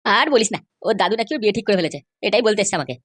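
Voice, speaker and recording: Woman plays a young cartoon man, fast and rambling, worried. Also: mid-range voice, expressive, breathy edge. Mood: grumbling. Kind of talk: cartoon voice acting.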